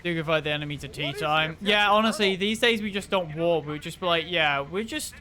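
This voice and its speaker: A young man streaming a game, rambling in casual commentary, swearing freely and breaking into excited outbursts. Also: on the high side, fast talker.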